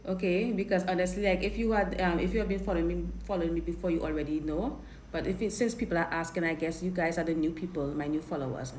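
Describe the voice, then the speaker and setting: A woman with a Trinidadian accent, working as a dating coach, answers live-stream viewer questions in a quick, lowish, steady and slightly mellow voice. She's chatty and frank, often repeating or restarting words, over roomy audio with faint noise.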